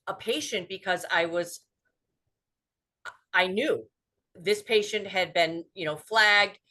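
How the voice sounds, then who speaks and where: A woman hosting a casual podcast chat as a dental hygienist, telling stories and acting out what people said. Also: lowish voice. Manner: animated storyteller who acts out quotes.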